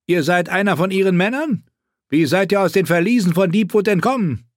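A man's voice: high voice, animated, fairly quick, dry recording, clean studio sound, voice pushed up. A man voicing a sneering, crude and arrogant male knight in an audiobook, taunting and contemptuous. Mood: scornful.

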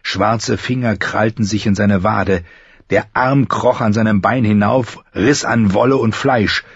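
Husky low-voiced man reading a dark fantasy tale. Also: measured pace, no room sound, highs cut off. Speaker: audiobook narrator. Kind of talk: dramatic fantasy audiobook reading.

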